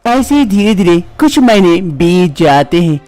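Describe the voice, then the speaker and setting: A woman's voice: lowish voice, very animated, a little slow, mellow. A woman narrating a cartoon story in a plain storyteller's way, with music behind her.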